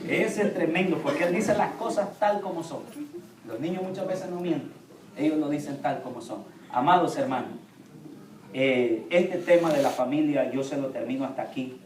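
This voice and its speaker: Male pastor, high voice, sermon-style storytelling, caught from a distance in a church. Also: moderate pace, a crowd in the background. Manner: storytelling, quotes his children in a lively voice. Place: church hall. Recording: echoey church hall from far off.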